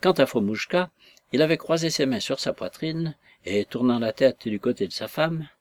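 A man reading a novel aloud as narrator, expressive and acting out voices. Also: medium pitch, normal speed. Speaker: audiobook reader. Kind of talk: scripted narration.

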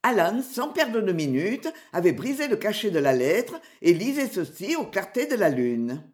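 A woman narrates an adventure tale aloud, her voice rising and falling in a lively, animated way. Her pitch sits in a middle range, and she reads expressively throughout. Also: moderate pace. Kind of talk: storybook reading.

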